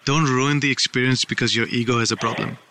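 A man's voice: medium pitch, steady tone, quick pace, heavy background noise. A man with an Indian accent hosting a call-in show, giving blunt, teasing, casual advice and slipping between languages. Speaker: radio call-in show host.

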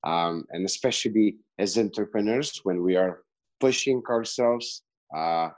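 Slovenian guy, chatty podcast guest, lots of ums and restarts, lowish voice. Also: measured pace, rough recording. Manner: rambling, chatty, many fillers and restarts. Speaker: podcast guest, business coach. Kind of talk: casual interview answer.

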